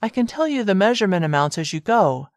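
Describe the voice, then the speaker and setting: A woman's voice: medium pitch, sing-song, fast talker, dry recording, clean studio sound, close to an everyday voice. A narrator voicing a friendly young woman explaining a recipe, her voice raised a little above the narration. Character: cheerful young woman cooking instructor.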